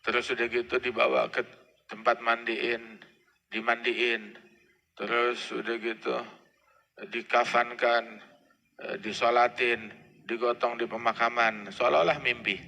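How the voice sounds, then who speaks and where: Preacher with gravelly voice. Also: male voice, mid-range voice, level tone, a little slow, long pauses, sharp tone. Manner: conversational, acts out dialogue. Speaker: Islamic preacher. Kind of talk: sermon storytelling. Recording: reverberant hall with faint noise.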